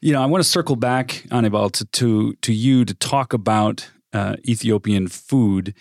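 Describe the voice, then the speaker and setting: A man hosting a studio panel interview, speaking in a measured way with pauses and restarts. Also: lowish voice, gravelly, a little mellow, no echo. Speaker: host.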